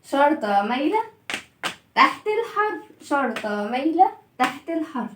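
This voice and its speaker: A high-pitched woman with an Egyptian Arabic accent leads a phonics lesson for young children. She stretches syllables, repeats each word several times and coaxes the class along. Her voice rings out in an echoey room. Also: background noise. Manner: animated, drawn-out syllables and repeated words. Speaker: children's reading teacher.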